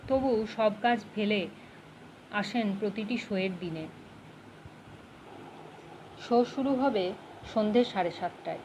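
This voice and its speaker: A woman narrating an audiobook in a steady, measured reading voice. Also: mid-range voice, highs cut off, a little hiss or hum. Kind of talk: storybook narration.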